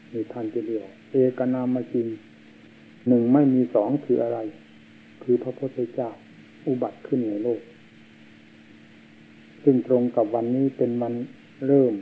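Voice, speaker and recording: Very dark-voiced monk preaching on old worn tape. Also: male voice, mid-range voice, slight background noise, poor audio. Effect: old worn tape recording. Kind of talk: sermon.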